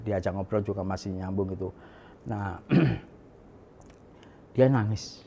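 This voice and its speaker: A middle-aged man telling a personal story in a casual, chatty way, repeating himself and laughing softly now and then. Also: lowish voice, slight background noise. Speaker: guest sharing his testimony.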